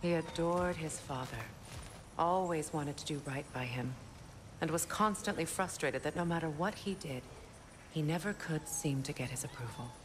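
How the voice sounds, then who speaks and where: A woman voicing a regal, weary goddess queen with a measured, storytelling manner and dry sarcasm in video game dialogue. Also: deep voice, noisy background.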